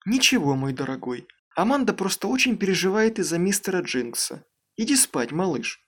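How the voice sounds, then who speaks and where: A caring, worried mother, her voice lifted higher and soft with tenderness, as a male narrator voices her. She soothes rather than scolds, storybook style. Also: very animated, normal speed, heavily acted. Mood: tender. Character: caring, anxious middle-aged mother.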